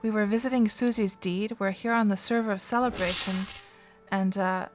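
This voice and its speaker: Music plays behind this game livestreamer, a talkative woman whose first language is Finnish. She speaks at normal speed in a steady, mid-range voice, chatting casually with viewers and thinking out loud, full of fillers and false starts.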